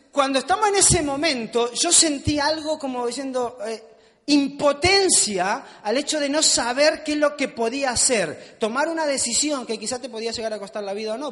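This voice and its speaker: Preacher, man, very high voice, chatty sermon with jokes at his own expense, hall reverb. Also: fairly bright tone. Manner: conversational, asks the audience questions; self-mocking humor.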